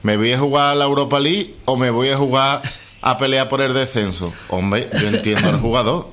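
A man's voice: medium pitch, steady tone, brisk, fairly bright tone. A man giving provocative football opinions on a radio chat show. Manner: argumentative, provocative. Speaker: radio pundit.

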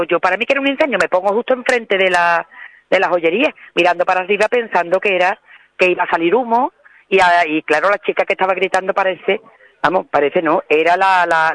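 An Andalusian woman calling into a radio show as an eyewitness, telling her story in an excited, repetitive rush. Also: lowish voice, poor audio. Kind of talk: phone interview on radio.

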